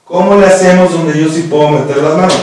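A man's voice: fairly high pitch, fairly even intonation, brisk, a little mellow, slight background noise. A man earnestly explaining a point during a panel discussion. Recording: echoey room, distant mic.

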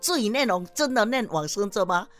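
A woman sales manager, telling a story in a lively lecture that often addresses the audience. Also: mid-range voice, fairly quick, soft background music. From Taiwan.

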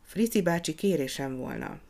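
A narrator plays an earnest female schoolteacher, hushed and confiding, speaking softly and insistently. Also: medium pitch, expressive, lightly acted.

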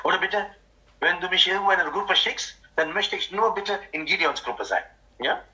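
A man preaching a lively sermon as a pastor, speaking German with a non-native accent, acting out grumbling churchgoers and tagging questions onto his points. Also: high voice, moderate pace, lo-fi sound. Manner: animated, acts out objecting churchgoers, frequent tag "ja?".

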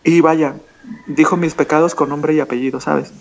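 A man's voice: a little high, fairly even intonation, normal speed, vocal fry. A man earnestly telling a personal testimony as an interview guest, calling the listener "hermanita". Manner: earnest storyteller who addresses the listener as "hermanita". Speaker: guest telling his conversion story. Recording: dull lo-fi sound with faint music behind.

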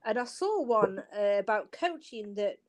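A woman's voice: mid-range voice, animated, a little slow. Earnest woman telling her story. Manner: earnest, storytelling, restarts phrases. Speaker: guest, tarot reader and coach. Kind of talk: casual podcast chat.

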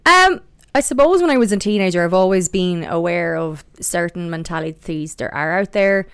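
Interview guest: woman, 30s, gentle Irish Midlands accent, slightly low, clear smooth tone, chatty. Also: animated, normal speed. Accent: Irish Midlands, softened by elocution lessons. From Athlone, Irish Midlands. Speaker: podcast guest, powerlifter. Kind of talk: casual interview, personal recollection.

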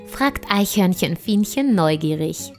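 A woman narrating a children's story in a gentle, clear storytelling voice. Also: lowish voice, expressive, measured pace. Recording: soft music underneath.

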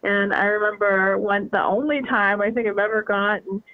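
Calling in by phone as a guest on a radio show, a woman from the Northeastern US talks enthusiastically, full of fillers. Her voice is mid-range, steady and at normal speed, with no echo, though the phone line sounds tinny.

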